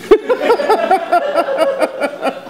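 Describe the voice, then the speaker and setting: A woman doing a stand-up comedy set, animated and sarcastic, often acting out other people. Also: very high-pitched, very slow, a crowd in the background. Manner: animated, sarcastic, acts out characters. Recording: echoey room, audience noise.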